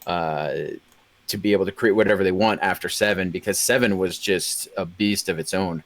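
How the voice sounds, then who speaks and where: Deep-voiced rambling man on a stream. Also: fairly even intonation, moderate pace, dry recording. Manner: rambling, many fillers and restarts. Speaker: stream guest. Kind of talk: casual stream chat.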